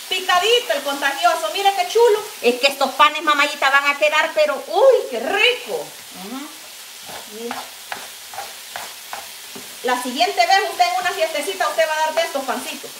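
Cooking at home, a Guatemalan Spanish-accented vlogger with a high voice talks her viewers through it in a chatty, affectionate way, repeating "mire" and calling them "mamayita." There's echo in the room and the sound of a pan sizzling and frying.

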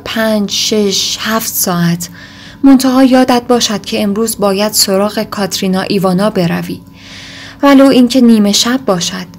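Brief: audiobook, woman reading an agitated young man, intense, mid-pitched. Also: a little mellow, slight background noise, natural voice.

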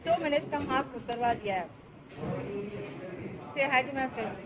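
A woman's voice: sits high, measured pace. A woman in her thirties, a travel vlogger, chatting directly to her viewers in a casual, playful way as she films herself on a phone held at arm's length. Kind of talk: casual travel vlog narration. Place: in a car, at a roadside restaurant and outdoors. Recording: loud crowd and traffic noise.

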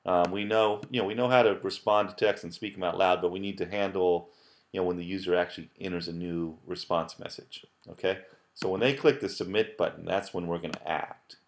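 A man with a very deep voice walks through a coding screencast at his desk. He talks casually and loosely, with lots of "okay" and "you know", and often starts sentences over. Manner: casual, many fillers and restarts. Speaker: professor teaching app building. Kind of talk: screencast tutorial.

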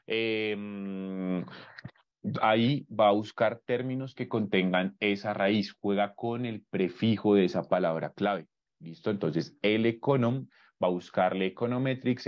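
Low-voiced man teaching a webinar. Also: highs cut off. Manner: explanatory, repeats "entonces" and "¿listo?" to check understanding. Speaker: database search trainer. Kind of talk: webinar tutorial.

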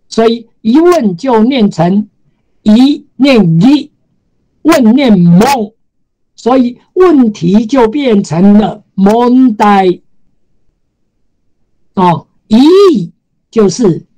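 A woman's voice: mid-range voice, dark tone, poor audio. A woman teaching a Japanese grammar class in Taiwanese Mandarin, explaining patiently and repeating key terms. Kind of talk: classroom lecture.

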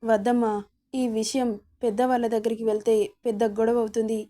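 A woman's voice: on the high side, level tone, fairly quick, mellow, lightly acted. A woman reading a timid pleading young maid. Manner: pleading, deferential.

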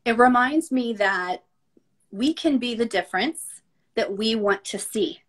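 A middle-aged woman hosts a live video call interview on a webcam from a room in her home. She talks encouragingly, with many fillers and restarts, in a fairly high-pitched, animated and unhurried voice.

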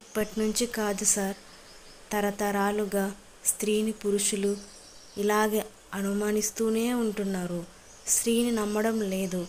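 A woman's voice: medium pitch, level tone, normal speed, long pauses, a little mellow, slight background noise, natural voice. A woman reading a hurt, accusing young wife. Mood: reproachful. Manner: accusing, reproachful.

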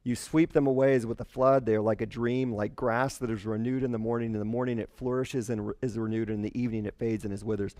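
A man in his forties preaches with a headset mic. His delivery is chatty and lively, and he slips into character voices when he quotes people. The sound is dry and close, with little room echo. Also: medium pitch, quick pace, few pauses. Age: 40s. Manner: conversational, animated, acts out quotes in character voices. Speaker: pastor. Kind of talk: sermon.

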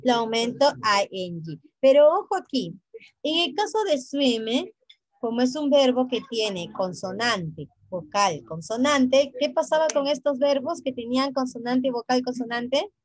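High, slow-speaking woman teacher. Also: animated, rough recording. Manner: repeats each phrase in English and then in Spanish; patient, quizzes students by name. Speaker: English teacher.

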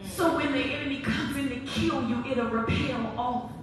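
A woman pastor preaching a sermon in a church, animated and expressive, climbing to high, loud exclamations. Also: normal speed, crowd noise. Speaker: guest pastor. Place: large church sanctuary. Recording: echoey church hall from far off.

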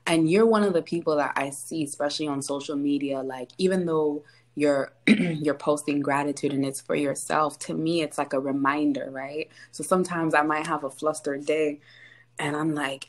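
A young woman from South Sudan co-hosting a podcast, chatting casually in an upbeat, reflective way. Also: sits low. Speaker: podcast co-host.

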